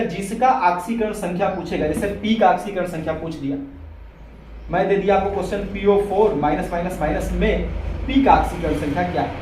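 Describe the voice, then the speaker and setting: A man's voice: sits high, darkish tone, a little hiss or hum. A male chemistry teacher gives a classroom lecture, asking and answering his own questions step by step. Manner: explains step by step, asks and answers his own questions, calls students beta. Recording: very echoey room, mic far off.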